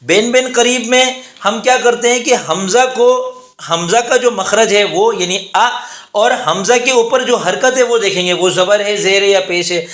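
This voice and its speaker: Male grammar teacher, higher voice, methodical and patient, roomy echo on the recording. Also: a bit bright. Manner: methodical, repeats example words slowly. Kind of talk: explanatory lesson. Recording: echoey room.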